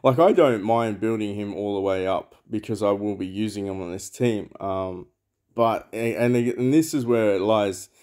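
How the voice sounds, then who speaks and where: A man's voice: fairly low pitch, moderate pace, darkish tone. A man giving rambling, casual commentary over a mobile game, thinking aloud with lots of fillers. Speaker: mobile game channel host.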